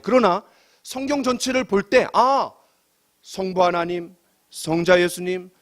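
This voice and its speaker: Middle-aged guy preaching, lively up-and-down voice, throws questions at the crowd. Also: high voice. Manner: animated preaching with rhetorical questions and quoted asides. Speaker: pastor. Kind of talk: sermon.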